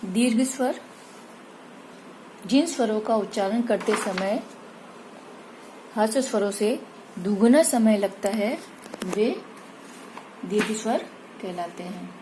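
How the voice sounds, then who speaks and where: A woman teaching Hindi grammar, patiently explaining vowels and spelling out each example slowly. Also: medium pitch, noisy background. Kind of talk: slow explanatory lesson.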